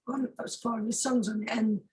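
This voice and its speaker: Speaking fairly quickly in a slightly high, husky, darkish voice with a steady tone, a British woman talks informally as a singer-songwriter guest in an interview. She's emphatic and frequently repeats words to drive a point home.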